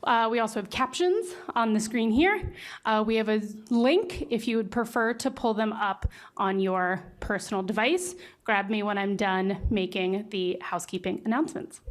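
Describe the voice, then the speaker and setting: A woman's voice: mid-range voice, normal speed. A woman hosting an event, making informal housekeeping announcements to those attending.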